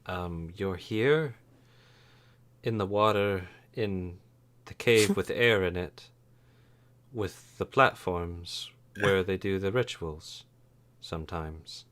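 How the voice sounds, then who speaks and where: A man's voice: deep voice, slow, fairly bright tone. A man acting as game master, casually narrating and improvising a tabletop role-playing game.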